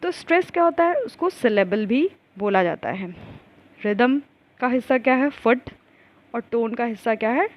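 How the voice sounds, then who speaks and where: A woman teacher gives a recorded lecture, asking herself questions and then answering them, and reads the definitions slowly, word by word. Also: on the high side, lively intonation, low-quality recording. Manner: explains with repeated rhetorical questions.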